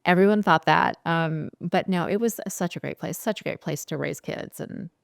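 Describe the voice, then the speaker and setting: A woman in her forties from California, a guest talking about her career in a relaxed, chatty way, laughing now and then and using lots of fillers. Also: lowish voice, normal speed, gravelly, no echo, clean studio sound. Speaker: guest, skincare founder. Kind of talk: casual interview chat.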